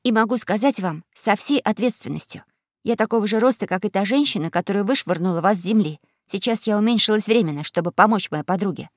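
A woman voicing a bold, cool-headed young girl in a storybook, speaking calmly and firmly. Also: mid-range voice, fast, no echo, studio quality, natural voice. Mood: firm, defiant. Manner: calm, firm, defiant.

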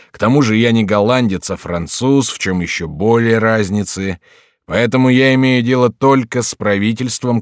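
A composed, courteous French officer speaks in a low, deep voice that stays steady and dryly ironic, as a male audiobook reader gives him voice. The sound is close and dry, with no room around it. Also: dry recording, close to an everyday voice. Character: polite, composed French officer, middle-aged man.

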